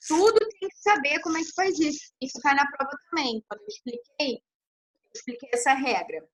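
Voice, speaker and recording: Woman, English tutor on a video call; sharp, high, patient, spells things out. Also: rough recording. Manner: patient, fills blanks with sung "tananã", spells letters. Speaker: English teacher. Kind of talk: online class tutoring.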